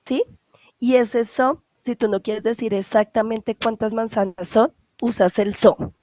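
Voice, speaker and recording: A woman's voice: on the high side, fairly even intonation, unhurried, mellow, dry recording, dull audio. A woman with a Colombian Spanish accent, an English tutor patiently explaining grammar over a video call and often checking for questions. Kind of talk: online class explanation.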